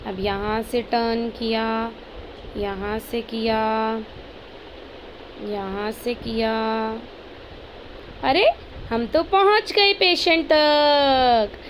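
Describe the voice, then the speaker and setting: A young woman teacher gives an online lesson to small children, reading words aloud slowly and clearly for them to repeat. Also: on the high side, noisy background. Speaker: primary school teacher.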